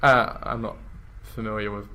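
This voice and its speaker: A man's voice: on the low side, fairly even intonation, normal speed, bright, forceful tone. A young man with an English accent, a gamer chatting casually, rambling and laughing as he talks. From England. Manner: chatty, drifts into mock voices and laughs. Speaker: YouTube gamer. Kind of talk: casual chat.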